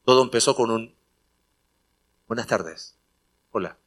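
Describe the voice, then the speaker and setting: A pastor with a mid-range, fairly bright voice preaches a sermon at a slightly slow pace. He tells a personal story conversationally, acting out the dialogue, then builds into emphatic preaching.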